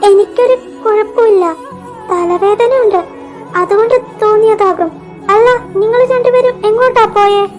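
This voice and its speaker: A woman's voice: very high-pitched, normal speed, darkish tone. A woman voicing a heartbroken young woman who hides her tears, in a fan audio drama. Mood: evasive, tearful. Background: background music.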